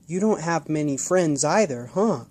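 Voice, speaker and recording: A man doing a lonely little boy, eager and high. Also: lively intonation, measured pace. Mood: wistful. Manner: eager, hopeful, soft.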